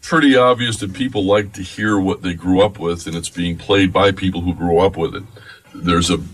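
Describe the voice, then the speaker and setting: A man's voice: low-pitched, fairly even intonation, moderate pace, husky. An older man who plays in a band, answering interview questions in a casual, chatty way. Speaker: band member, interview guest. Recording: distant mic, faint room noise.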